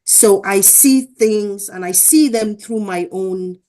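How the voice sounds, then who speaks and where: A woman's voice: medium pitch, takes it slowly, dark tone. Woman from Africa telling classroom stories. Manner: earnest, acts out quoted dialogue. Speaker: guest, associate professor. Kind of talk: interview, conversational storytelling.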